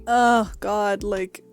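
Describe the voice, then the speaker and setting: A young woman streamer chatting casually with her viewers, giggly and rambling, often repeating herself. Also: medium pitch.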